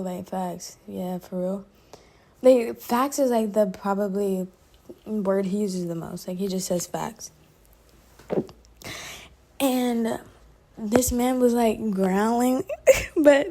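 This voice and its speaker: A young adult woman telling a story to her viewers in a casual, animated vlog, laughing often and filling her speech with "like". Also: a little high. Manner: animated, chatty, laughs often, heavy use of "like". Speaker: vlogger.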